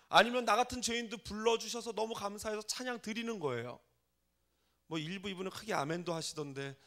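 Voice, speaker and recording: A man in his forties from Korea, a pastor giving a sermon in a church, telling stories with acted-out quotes and putting questions to the congregation. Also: high-pitched. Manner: animated storytelling, acts out quoted voices, asks the congregation questions. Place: church sanctuary.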